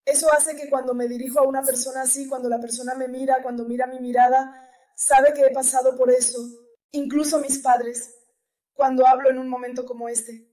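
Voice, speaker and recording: Woman, high voice, testimony speaker, earnest and repetitive. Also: little pitch movement, fairly quick, dark tone. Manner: earnest, repeats key phrases. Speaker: church testimony giver. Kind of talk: personal religious testimony.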